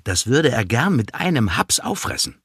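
A man reading a children's storybook aloud, with a slow, expressive delivery. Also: medium pitch, slightly rough, no room sound, clean studio sound. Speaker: narrator.

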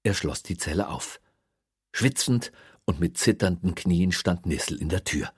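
Deep, husky male audiobook narrator. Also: expressive, unhurried, dry recording, studio quality. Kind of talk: audiobook reading.

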